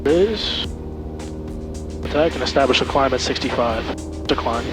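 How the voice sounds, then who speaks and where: A man working as a flight instructor, giving calm, reassuring step-by-step instructions over a cockpit headset intercom, often repeating short commands. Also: mid-range voice, measured pace, over music. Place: small plane cockpit in flight. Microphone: aviation headset intercom.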